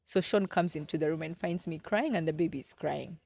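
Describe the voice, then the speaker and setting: A woman's voice: deep voice, brisk, creaky, a little mellow. A woman in her thirties from Kenya, a podcast guest telling personal stories in an earnest, reflective way and often repeating words as she finds them. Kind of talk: candid conversational storytelling.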